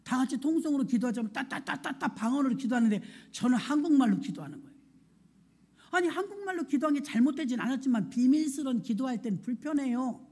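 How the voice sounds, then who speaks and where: A middle-aged woman pastor giving a sermon, telling stories in a lively way and acting out her own past prayers. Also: high voice, quick pace, husky.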